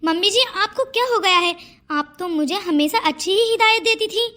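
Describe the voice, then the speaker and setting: A woman's voice: very high voice, moderate pace, pushed and bright. Woman voicing a sweet persuasive daughter-in-law. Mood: coaxing. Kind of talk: cartoon voice acting.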